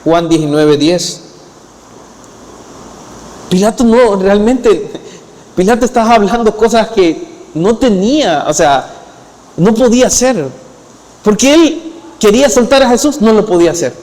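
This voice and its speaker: In a church hall with a long, echoing reverb, a man whose voice sits a little high for a man delivers an expository sermon. He is animated yet a little slow, with long pauses and a darkish tone, retelling scripture plainly through acted quotes in a lowered voice. When driving a point home, his pitch rises.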